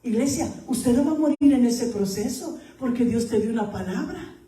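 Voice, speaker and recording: A woman pastor preaching a sermon to her church, rising to emphatic peaks and dropping to hushed asides. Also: on the high side, expressive, moderate pace, roomy sound, recorded from a distance, low-quality recording.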